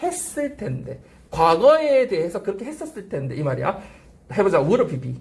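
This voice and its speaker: Brief: animated, mellow-toned language teacher; repeats drill phrases, prompts students with quick check-ins. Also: mid-range voice. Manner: asks frequent rhetorical check-questions. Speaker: English teacher at a language academy. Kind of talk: classroom grammar lecture.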